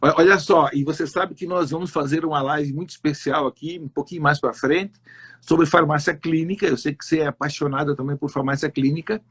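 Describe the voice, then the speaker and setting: A man's voice: on the high side, steady tone, brisk, fairly bright tone, breathy edge. A man hosting a live-stream interview, asking long, rambling questions full of restarts. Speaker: host, consultant. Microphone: online live stream.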